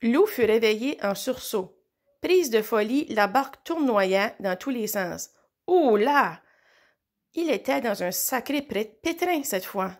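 Expressive woman reading a children's story. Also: fairly high pitch. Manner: expressive, with slow dramatic pauses. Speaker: storybook reader. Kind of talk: children's story read aloud.

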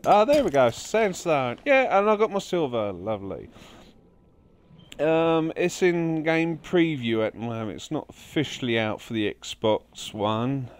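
A man's voice: fairly high pitch, lively intonation, unhurried, clear, resonant tone. Chatty man narrating his gameplay. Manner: chatty, talks to game creatures while playing. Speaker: gaming livestreamer. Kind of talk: casual let's-play commentary.

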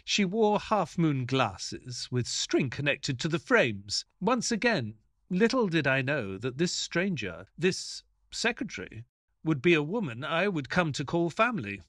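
A man playing a mild, earnest doctor who narrates his detective tale in a measured, polite audio play style. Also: a little high, very animated, a bit bright, no echo, studio quality, full character voice. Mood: reflective. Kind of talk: dramatic first-person audio play narration.

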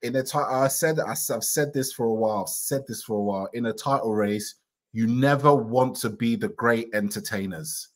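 A man co-hosting a football chat from home over a video call. His voice sits at an average pitch. He speaks steadily and lays out his reasons as lists. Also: moderate pace. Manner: steady, builds arguments in lists. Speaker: co-host.

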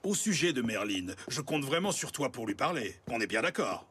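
Proud, courtly cartoon strongman, mid-pitched and lively, pompously polite and vain. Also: normal speed, a little hiss or hum. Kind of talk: French anime dub.

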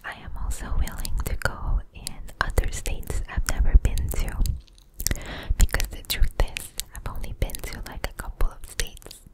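A young woman whispering softly and slowly in ASMR style, very close to the microphone, as if right at the ear. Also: poor audio. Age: young adult. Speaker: ASMR video creator, nurse. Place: indoor room at home. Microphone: desk microphone very close to the mouth.

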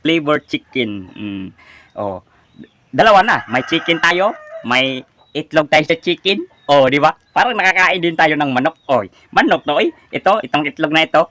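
A chatty man with a Filipino accent talks his viewers through a home meal in a casual vlog. His voice is bright and lively, swinging up and down, and he now and then trips over longer words. The sound is dry and close. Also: a little high, moderate pace, no echo. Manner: chatty, keeps calling viewers "idol", laughs a lot. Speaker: food and garden vlogger. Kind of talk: casual mukbang vlog chat.

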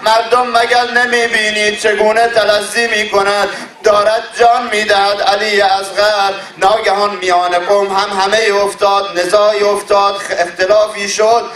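A man tells a mourning story as a sermon, his high voice held in a narrow, steady band. He moves into lamenting recitation with impassioned storytelling. He sounds far from the mic, in an echoey hall. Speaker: mourning preacher.

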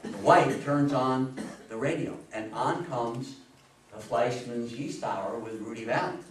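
A man in his seventies, his voice a little high with a fairly bright tone, gives an informal history talk in a meeting room to a seated audience. He tells anecdotes animatedly, repeats phrases for emphasis and answers questions. A far camera mic records it with roomy echo.

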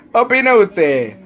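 A man's voice: fairly high pitch, a bit bright, slight background noise. A man hosting a casual show, reading viewer comments in a playful, laughing, theatrical way. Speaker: show host and moderator.

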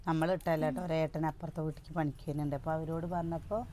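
A woman talks to her viewers in a relaxed home cooking vlog, chatty and direct. She has a sore throat, and her voice sits a little low. A faint hum of noise runs behind her. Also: rapid-fire. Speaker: cooking vlogger.

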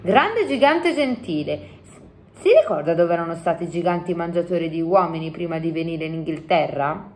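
A woman's voice: fairly low pitch, expressive, lightly acted. A woman reading as a polite, dignified queen. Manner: polite, measured questions and orders.

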